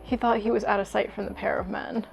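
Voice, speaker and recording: A woman's voice: medium pitch, flat delivery, quick pace, vocal fry, faint music behind, low-quality recording. A young adult woman doing a comedic reading of fanfiction, self-deprecating, sweary and exasperated as she reads aloud. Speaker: YouTuber.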